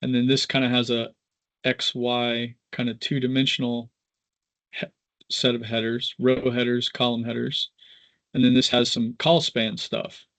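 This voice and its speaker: A man instructor giving a casual live software tutorial, informal and halting as he thinks aloud. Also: medium pitch, completely flat delivery.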